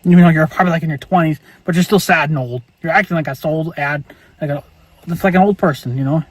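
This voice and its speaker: A man's voice: fairly high pitch, fast, no echo, low-quality recording. A man ranting angrily and profanely in a casual vlog monologue, repeating himself as he goes. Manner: angry, profane, repetitive ranting. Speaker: vlogger.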